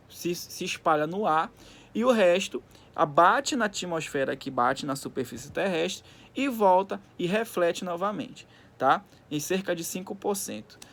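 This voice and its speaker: A male teacher giving a recorded school lesson, dictating from a textbook in segments and explaining didactically with frequent check-in tags. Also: high-pitched. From Brazil.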